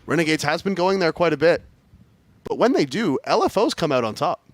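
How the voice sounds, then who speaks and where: A man's voice: fairly high pitch, very animated, fairly quick, no echo. A man working as an esports caster, explaining and calling live match action in short clipped phrases. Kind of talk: live esports analysis and play-by-play commentary.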